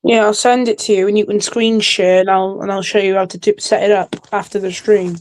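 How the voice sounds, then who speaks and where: A woman's voice: medium pitch, flat delivery, fairly quick, darkish tone. A woman chatting casually about football on a live reaction stream, swapping gossip about players and clubs. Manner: chatty, trades football gossip, swears at goals.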